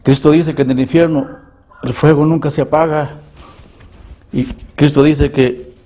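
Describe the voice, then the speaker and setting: Man, earnest testimony, mellow tone, slightly high voice, clears throat often. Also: fairly even intonation, a little slow. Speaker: evangelist giving a testimony. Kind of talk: spoken testimony.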